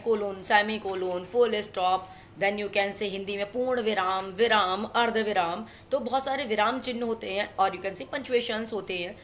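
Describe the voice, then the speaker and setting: A woman with an Indian accent teaching a spoken English lesson, switching between Hindi and English and slowing down for English phrases. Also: mid-range voice, fairly bright tone, a little hiss or hum. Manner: mixes Hindi and English, slow deliberate English phrases.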